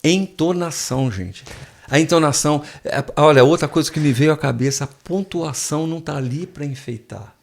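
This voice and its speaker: A man's voice: on the high side, expressive, a little fast, creaky, hardly any pauses. Man explaining patiently. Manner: didactic, patient, with frequent restarts. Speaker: guest professor. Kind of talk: casual podcast conversation. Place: podcast studio.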